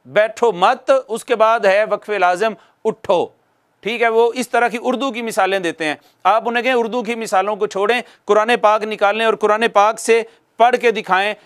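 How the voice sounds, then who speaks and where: A man's voice: high-pitched, a bit bright, clean tone. A man from Pakistan, teaching Quran recitation in a video lesson to viewers and patiently repeating key phrases for emphasis.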